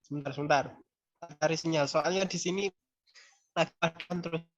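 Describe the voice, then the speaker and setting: A man on a video call hesitantly answering a class question, his voice breaking up and dropping out with many pauses and restarts. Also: fairly high pitch, steady tone, slight background noise. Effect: choppy, cutting-out video call audio. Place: home with frequent power outages. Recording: dull lo-fi call audio breaking up, faint guitar behind.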